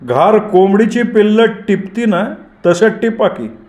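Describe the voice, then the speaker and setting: A man's voice: high voice, animated, takes it slowly, a little mellow, pitched above the performer's own voice. A man voicing a cold, commanding male smuggler boss who drags out his words in a storybook reading. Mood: menacing. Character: menacing smuggler boss Gani, male, adult. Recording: roomy echoey recording.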